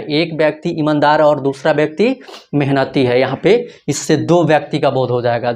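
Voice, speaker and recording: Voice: mid-range voice, darkish tone. A teacher giving a grammar lecture, asking rhetorical questions and answering them himself, repeating each rule step by step. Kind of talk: Hindi-language grammar lecture.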